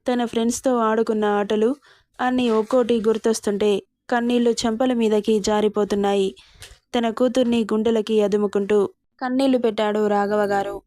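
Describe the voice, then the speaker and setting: A woman storyteller narrating in a steady, even manner. Her voice is mellow and slightly high, and the recording is dry and close. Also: brisk, no echo.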